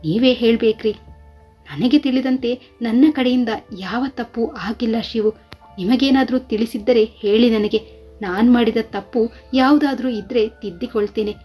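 A woman's voice: a little high, moderate pace, mellow, husky, faint music behind. A woman voicing a hurt young married woman who pleads and questions, in a storybook reading. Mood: pleading.

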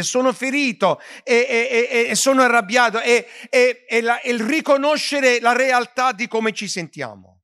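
A man's voice: sits high, a bit bright. A man preaching a sermon as pastor, earnest, with frequent restarts and stumbles over words.

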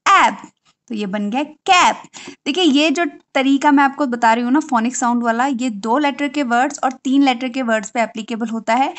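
Chatty woman teaching phonics. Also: high voice. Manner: chatty, explaining, slowly sounds out letters. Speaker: teacher and channel host. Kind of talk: home tutorial lesson.

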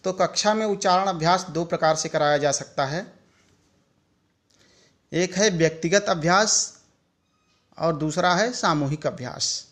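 Slow, high-voiced man giving a lecture. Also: fairly bright tone. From India. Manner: slow, deliberate explanation with spoken examples. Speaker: teacher educator. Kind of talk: recorded e-learning lecture.

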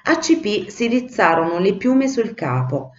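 A woman teacher reading a children's storybook aloud in an animated way, in a roomy, lo-fi recording. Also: medium pitch, a little slow. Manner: animated, acts out the voices. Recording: roomy, dull lo-fi sound.

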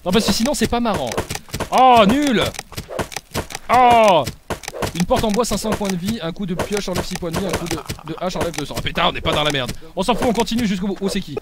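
A young man streaming a survival game live, swinging between loud yelling and low muttering and swearing a lot. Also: animated, a little fast, noisy background. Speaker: gaming streamer.

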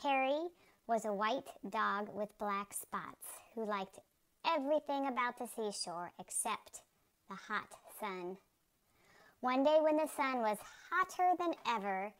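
Reading a picture book for kids, an expressive woman takes it slow and careful. When characters shout, her voice leaps up high and loud.

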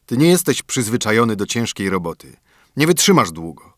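A man's voice: on the low side, sing-song, fairly quick, no room sound, studio quality. A man voicing a worried old woodcutter father in an audiobook fairy tale, cautious and fatherly.

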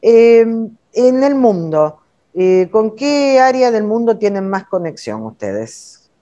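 A woman's voice: mid-range voice, big pitch swings, slow pace, warm tone, muffled recording. A middle-aged woman with an Argentine Spanish accent hosting a TV interview, asking probing questions and adding short affirmations. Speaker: interviewer, TV host. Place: studio set with brick wall.

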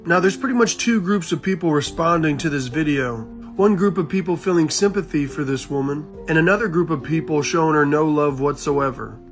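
A man's voice: a little high, brisk, hardly any pauses. A man with a slightly raised voice gives a scripted, news-style rundown of a viral clip. He speaks evenly and explains things step by step, with music playing faintly beneath him.

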